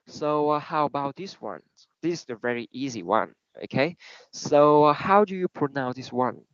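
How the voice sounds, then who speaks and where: A man's voice: on the high side, lively intonation, a little slow, a bit bright, clear, resonant tone. Guy teaching english pronunciation online, lots of uh and um, mixes in vietnamese, muffled lo-fi audio. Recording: dull lo-fi recording.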